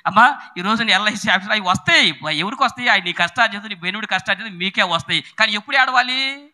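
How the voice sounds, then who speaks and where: High-voiced shouting preacher man. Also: fast talker. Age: middle-aged. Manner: shouts bursts, then drops into storytelling. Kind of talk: sermon.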